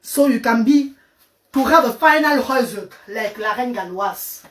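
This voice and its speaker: High-voiced coaxing woman, a bit off-mic. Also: animated, slow, distant mic. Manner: coaxing, showers viewers with endearments; switches between French and English. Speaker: live-stream host giving diet advice. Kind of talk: casual live-stream chat.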